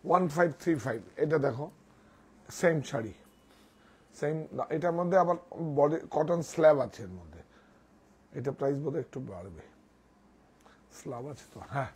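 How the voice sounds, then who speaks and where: A man presenting sarees in a live sales pitch, enthusiastic, repeating praise and directing the models. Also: animated, moderate pace, long pauses, darkish tone, husky. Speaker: saree seller presenting products.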